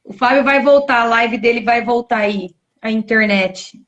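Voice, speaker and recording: High-voiced Brazilian woman hosting, lo-fi audio. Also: moderate pace, fairly bright tone. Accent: Brazilian Portuguese. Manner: emotional, exclaiming. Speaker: host. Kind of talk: live-stream interview.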